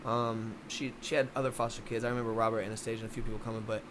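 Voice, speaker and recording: Young man from Philadelphia, boxing coach guest; quick, rambling, loose and casual delivery. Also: mid-range voice, flat delivery, a bit bright, slight background noise. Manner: fast, rambling, many restarts. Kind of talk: casual interview chat.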